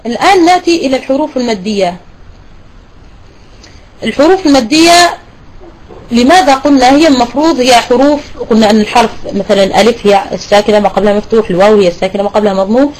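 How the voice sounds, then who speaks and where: A woman leads a tajweed lesson, her voice sitting a little high. She explains step by step, asks her students questions and praises them, and slowly repeats words to show the right pronunciation. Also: a little mellow, low-quality recording. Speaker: Quran recitation teacher.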